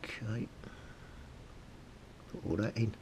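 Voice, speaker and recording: Whispering at a slow pace, a hobbyist video host from Britain narrates a laid-back how-to, working away while thinking aloud and muttering informally to himself. The recording carries steady background noise with a low rumble.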